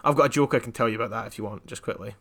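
A young man from Scotland in casual podcast chat, telling jokes in a flat deadpan way and wandering off on tangents. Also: mid-range voice, rapid-fire. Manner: deadpan, rambling joke-telling. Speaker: podcast co-host.

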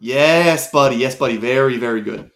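A man playing an anxious spy who coaxes and frets in hushed tones. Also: medium pitch, moderate pace, gravelly. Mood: coaxing. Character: anxious male spy coaching a friend.

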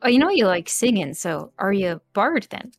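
A woman's voice: mid-range voice, big pitch swings, brisk, faint music behind. A woman playing a tabletop game, improvising casual in-character chat in a hesitant, tentative way.

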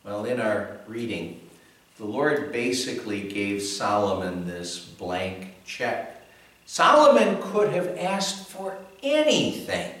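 A male pastor delivering a devotion at an unhurried, deliberate pace. His voice rings out in a very echoey space and sounds a little distant from the mic. He tells his story plainly and then turns earnest and reflective. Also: on the low side, sing-song, fairly bright tone. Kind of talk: devotional sermon.

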